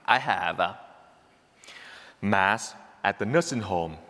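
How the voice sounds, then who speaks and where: Animated priest preaching in a reverberant hall. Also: male voice, on the low side, slow pace. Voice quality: animated, repetitive emphatic delivery. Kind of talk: Christmas homily. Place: church at Christmas mass.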